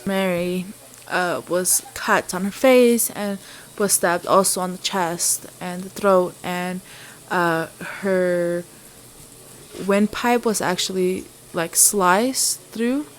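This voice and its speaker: A woman's voice: on the low side, steady tone, takes it slowly, poor audio. A woman vlogger telling a true-crime story in a casual, conversational way while cooking. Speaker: vlogger and host. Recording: sizzling food, clear background noise.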